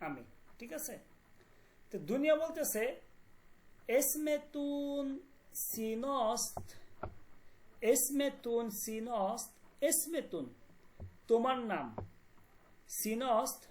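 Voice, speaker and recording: A woman with a fairly high voice leads an online language lesson. She repeats each word and keeps checking that her students follow. A faint hum sits under her voice. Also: a little mellow. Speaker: language teacher. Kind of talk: online class explanation.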